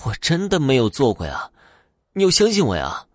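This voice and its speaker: A man playing a frightened young man who pleads his innocence in a raised, rushed voice. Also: mid-range voice, huge pitch swings, dry recording, studio quality, voice pushed up. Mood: protesting.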